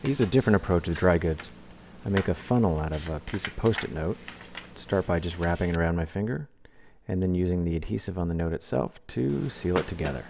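Man, deep low voice, DIY tutorial voice-over, relaxed and practical, close mic, faint background noise. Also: brisk, gravelly. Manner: relaxed, practical, plain-spoken. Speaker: DIY channel host.

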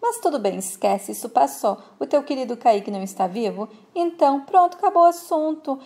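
A woman's voice: high-pitched, expressive, brisk, mellow, voice pushed up. A woman voicing a smug, dangerous male gangster who answers in a mocking tone.

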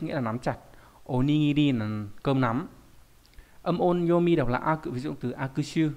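Man teaching kanji. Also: mid-range voice. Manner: explains patiently, often asks rhetorical check questions. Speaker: Japanese language teacher. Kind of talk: recorded online lesson.

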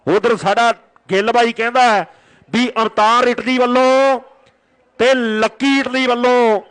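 Man, extremely high pitch, clean resonant tone, excited rural sports commentary, repetitive announcing. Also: a little slow, smooth. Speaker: kabaddi match commentator.

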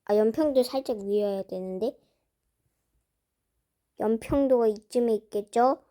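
A woman vlogger slowly narrating as she draws a map, musing aloud and talking to herself as she works. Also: on the high side, warm tone. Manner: slow, musing, talks to herself while drawing. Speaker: drawing vlogger. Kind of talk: casual narration while drawing a map.

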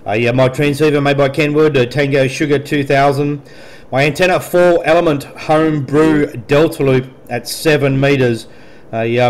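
An Australian man working as a radio operator, chatting casually and amiably in radio procedure talk, with hesitant pauses. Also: mid-range voice. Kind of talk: radio contact chat with spelled-out call signs. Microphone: dual-element studio desk microphone at a radio set.

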